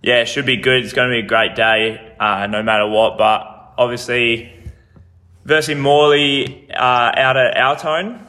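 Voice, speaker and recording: A man's voice: medium pitch, fairly even intonation, measured pace, sharp tone, long reverb tail. A man hosting a casual sports interview. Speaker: host interviewer.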